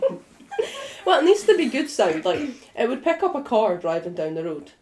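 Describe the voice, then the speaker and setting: A woman's voice: on the high side, big pitch swings, normal speed, darkish tone. A woman hosting a casual podcast chat, teasing and laughing often, getting over a cold. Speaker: podcast host. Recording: echoey room.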